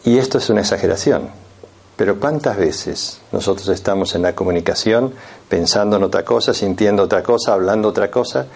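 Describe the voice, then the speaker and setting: Man, lecturer, husky gravelly voice, explanatory tone. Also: on the low side, fairly quick, a little mellow. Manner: explanatory, addresses the audience directly with frequent asides. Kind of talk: classroom lecture.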